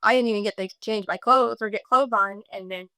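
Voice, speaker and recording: A middle-aged woman telling a personal story in a podcast conversation, emotional and halting, quoting others as she goes. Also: medium pitch, bright, forceful tone, no room sound. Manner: emotional, halting, with many restarts and quoted speech. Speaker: guest sharing her story.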